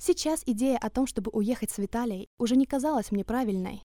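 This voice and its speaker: A woman's voice: on the high side, fast, dark tone, dry recording, clean studio sound. Woman reading a first-person story. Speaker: narrator.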